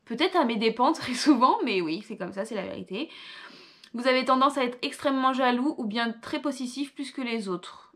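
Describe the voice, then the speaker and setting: A woman's voice: fairly high pitch, normal speed, a bit bright. A young woman, reading quiz questions aloud and answering with offhand asides in a casual vlog. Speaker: vlogger.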